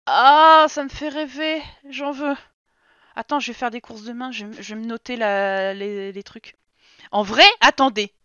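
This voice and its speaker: A woman's voice: fairly high pitch, measured pace, sharp tone, smooth, dry recording, highs cut off. A young woman casually commenting while she streams a life-sim game, chatty and scolding her game characters in mock outrage.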